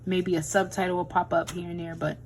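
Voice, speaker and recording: A woman's voice: on the low side, level tone, brisk, darkish tone, a little hiss or hum, rough recording. A woman in her twenties chatting casually while swatching nail gels, with a tired voice and a rambling, chatty way of talking. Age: 20s. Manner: chatty, rambling, says "y'all". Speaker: beauty vlogger.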